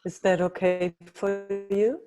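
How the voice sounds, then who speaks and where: Woman facilitator on a video call, super slow, mellow low voice, calm and reassuring. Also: soft background music. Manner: soft, reassuring, unhurried. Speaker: meeting host and facilitator. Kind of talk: gentle guided group meeting.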